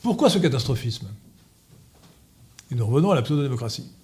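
A man giving a political lecture to an audience, halting with frequent filler sounds and restarts, and repeating his points emphatically. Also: medium pitch, big pitch swings, darkish tone, slightly rough. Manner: emphatic, insistent repetition. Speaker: lecturer at an association meeting.

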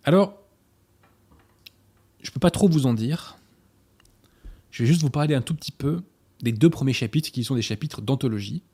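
A man hosting a talk, presenting novels and reading passages aloud in a measured, sometimes hesitant way. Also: mid-range voice, animated, mellow, slightly rough. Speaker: host presenting books. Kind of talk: book presentation and read-aloud.

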